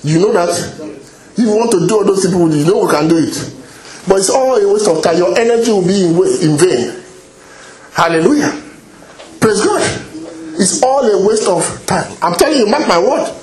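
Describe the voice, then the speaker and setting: A man preaching a sermon with lively exclamations of praise, often repeating and restarting his phrases. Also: sits high, moderate pace. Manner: animated, exclaims hallelujah and praise God often. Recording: echoey hall.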